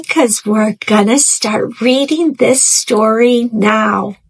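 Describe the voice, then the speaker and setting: Reading a children's storybook aloud, a woman with a high-pitched voice speaks very slowly and deliberately. She keeps her phrases simple and talks straight to her young listeners as their read-aloud host.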